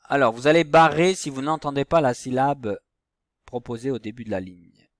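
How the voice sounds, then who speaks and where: A male teacher talks young pupils through a phonics lesson, slowly and patiently, stressing each example word. His voice sits at a middle pitch. The recording is dry and close, with no room echo.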